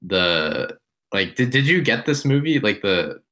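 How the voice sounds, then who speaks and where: A man's voice: on the low side, very animated, a little slow, a bit bright. A man co-hosting a film podcast, talking casually, rambling and correcting himself as he goes. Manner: rambling, self-correcting, unsure. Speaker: podcast co-host.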